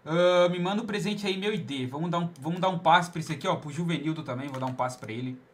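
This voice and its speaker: A man's voice: fairly high pitch, fast. A young man live-streaming a game, chatting with viewers in a teasing, over-the-top way.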